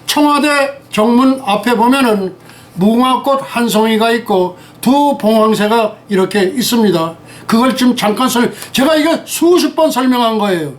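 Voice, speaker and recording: An elderly man in his eighties preaches with a high-pitched voice, rambling and scolding as he goes. He is teary and sniffling, throwing out insults and demanding again and again whether his listeners understand. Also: animated, normal speed. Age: 80s. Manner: angry, scolding, hurls insults, asks listeners if they understand. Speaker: pastor. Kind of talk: rambling sermon and political rant.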